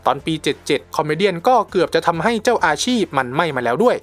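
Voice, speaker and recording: A man's voice: a little high, sing-song, fast, a bit bright, soft background music. Chatty man narrating a movie recap. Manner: chatty and slangy, addresses viewers as friends.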